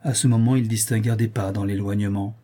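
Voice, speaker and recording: Husky, mellow male audiobook narrator. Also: lowish voice, fairly even intonation. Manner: measured storytelling. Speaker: audiobook reader. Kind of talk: scripted narration.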